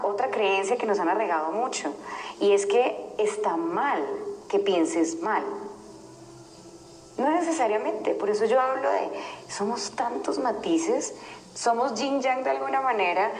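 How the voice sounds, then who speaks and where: A woman's voice: on the high side, unhurried, roomy sound, poor audio. A Colombian woman coach hosting a casual live session and reading viewer comments aloud as she talks. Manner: warm, conversational, reads viewer comments aloud. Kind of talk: casual talk on a live stream. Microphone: phone.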